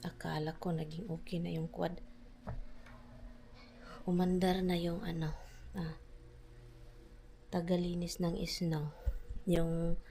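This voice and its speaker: A Filipino woman vlogging casually at home with a Filipino accent, mixing chatty talk with hushed asides. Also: on the low side, creaky. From Philippines. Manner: chatty, switching between Tagalog and English, often drops to a whisper. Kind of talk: casual vlog chat. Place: home, garage and house. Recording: noisy home recording.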